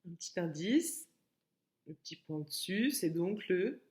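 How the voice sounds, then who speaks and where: A woman's voice: on the low side, lively intonation, measured pace, a little mellow, reverberant. A woman with a French accent teaching young children in a recorded remote lesson, patiently repeating words and splitting them into syllables. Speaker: kindergarten teacher.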